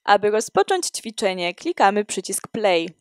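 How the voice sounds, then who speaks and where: A woman reading a scripted walkthrough of an app in a steady, explanatory way. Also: mid-range voice, moderate pace, dry recording, studio quality, soft background music. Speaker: student presenting an app.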